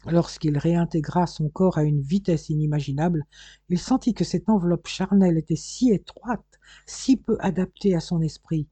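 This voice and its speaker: A male narrator reads a novel aloud in a measured storytelling manner. His voice is very dark and mellow, with a husky texture and a slightly raised pitch. The recording is dry and close. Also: no echo. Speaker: audiobook narrator. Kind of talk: scripted narration.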